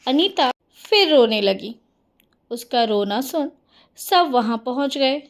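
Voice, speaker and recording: A woman narrating a cartoon story in a friendly storytelling manner. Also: on the high side.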